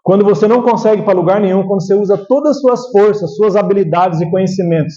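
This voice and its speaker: A Brazilian pastor with a high but mellow voice preaches to his congregation. He keeps it conversational, often tagging his points with a quick question to the listeners. The recording sounds slightly dull and lo-fi. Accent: Brazilian Portuguese. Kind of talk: sermon.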